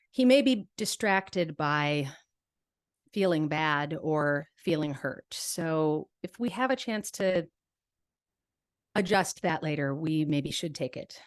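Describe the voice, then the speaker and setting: Wise firefly Hierophant acted by a woman, calm, measured, dry. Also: lowish voice, no echo.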